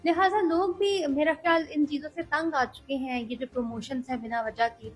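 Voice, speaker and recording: High-voiced young woman, earnest interview guest. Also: soft background music, low-quality recording. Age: young adult. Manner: earnest, measured, frequent hesitations. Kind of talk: political interview.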